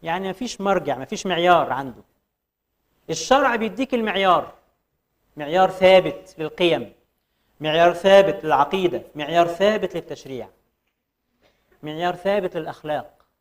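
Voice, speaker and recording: A man with an Egyptian Arabic accent giving a religious lecture, firing rhetorical questions and reciting verses slowly. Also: fairly high pitch, expressive. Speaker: preacher.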